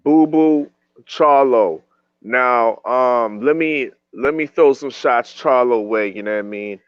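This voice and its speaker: A man's voice: mid-range voice, takes it slowly, clear, resonant tone, no echo. A man in casual boxing chat, his voice muffled as if coming through a wall, throwing questions at the group. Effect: muffled, as if talking through a wall. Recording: muffled dull dry online call audio.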